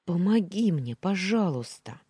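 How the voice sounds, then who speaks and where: A woman's voice: rumbling low, sing-song, slow, warm tone, slightly rough, no room sound, studio quality, exaggerated voice. A woman reading the part of a defiant captive young woman who snaps back and pleads. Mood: defiant, upset.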